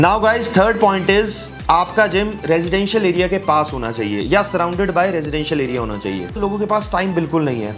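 A man in his thirties, a gym business coach, explaining to camera from a trophy-filled office, mixing English phrases into Hindi and gesturing constantly. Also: sits high. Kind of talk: direct-to-camera advice video. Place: office with trophy shelves, indoors.

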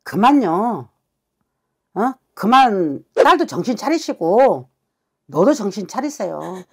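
A woman's voice: medium pitch, very animated, slow pace, husky. A woman shaman harshly scolding a client during a consultation. She swears as she berates, and keeps demanding answers. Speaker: shaman fortune teller.

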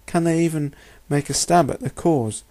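A man's voice: fairly high pitch, moderate pace, dark tone. A man giving a narrated lecture in a methodical, instructional manner, often posing questions as he explains. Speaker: medical lecturer. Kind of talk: narrated lecture over slides.

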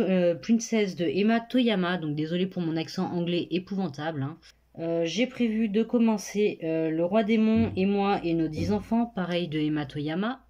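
Chatty young woman, low voice. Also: dark tone, highs cut off. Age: young adult. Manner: chatty, lots of hesitations and self-corrections. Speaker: book vlogger. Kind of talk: casual chat. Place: bedroom at her parents' home. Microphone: phone camera.

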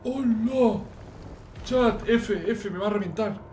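A young man with an accent from Spain, giving casual, excitable gaming commentary to his chat and swearing freely. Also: high-pitched, slow, slight background noise. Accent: Spain Spanish. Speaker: streamer.

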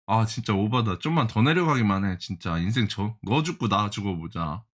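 Speaking at a moderate pace with an animated, fairly bright, lowish voice, this young stock-trading vlogger reacts live while day-trading. Exasperated, he talks back to the price chart and jokes around with his audience.

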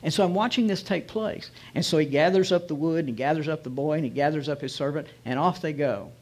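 A man preaching as a guest rabbi, retelling a scene vividly and slowing down to stress key phrases. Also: on the high side. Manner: vivid retelling, drops to slow emphatic phrases. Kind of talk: storytelling sermon.

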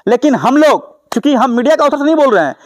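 Fast, high-voiced man grilling a teacher. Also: expressive, no echo, clean studio sound. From Bihar. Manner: confronting and lecturing. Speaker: reporter and host. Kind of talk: on-the-spot news interview. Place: outdoors at a village school.

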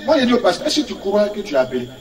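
Animated preacher, high lively voice. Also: male voice, racing, far from the mic. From Ivory Coast. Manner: animated storytelling with laughs and acted quotes. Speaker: prophet preaching. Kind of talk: sermon. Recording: echoey room, speaker off-mic.

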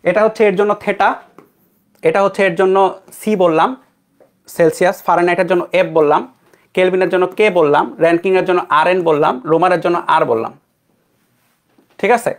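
In his online physics class, a young Bangladeshi man talks in a high-pitched voice, fairly quickly, broken by long pauses. His manner is casual and conversational, and he regularly checks in with the students.

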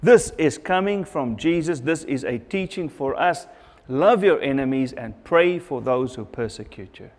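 A man's voice: fairly high pitch, expressive, a little slow, a little mellow, in a large hall. A middle-aged man preaching a sermon at a church pulpit, earnest and repeating phrases for emphasis, on a lapel mic. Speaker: pastor.

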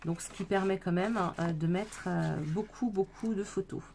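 Against a noisy background, a woman with a creaky, mid-range voice speaks at normal speed. In her casual craft show-and-tell, she talks directly to viewers about a handmade scrapbook album, often using fillers and correcting herself.

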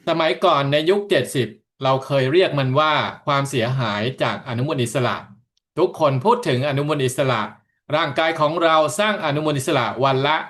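A man interpreting a talk into another language in steady, continuous stretches after each passage. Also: on the high side, fairly quick. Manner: steady, continuous rendering of the speaker's points. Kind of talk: consecutive interpreting.

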